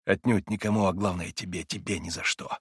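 A man's voice: low-pitched, fairly even intonation, a little fast, breathy edge, no echo, clean studio sound, pitched below the performer's own voice. A man voicing a feverish young prisoner, pleading. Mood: urgent. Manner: impassioned, urgent, rises to desperate shouts. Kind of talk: audiobook character voice.

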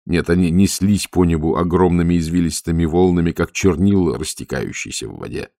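A man narrating an audiobook in a measured storytelling manner. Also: low voice, dark tone, no room sound, studio quality. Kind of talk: scripted narration.

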